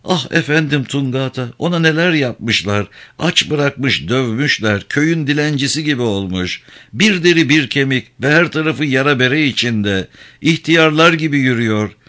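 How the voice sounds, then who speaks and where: A man playing a loyal young woman in a spoken story, her voice pitched up from his own and thick with tears. It sounds bright and crisp and moves a lot in pitch. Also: lively intonation, moderate pace, close to an everyday voice. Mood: grieving. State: choked with tears.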